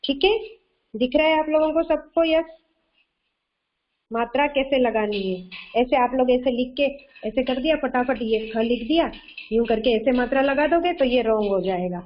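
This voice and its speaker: A woman's voice: sits high, muffled recording, a little hiss or hum. Patient woman teaching small children. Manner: slow, patient, repeats "theek hai" often, quizzes children. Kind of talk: online kindergarten Hindi lesson.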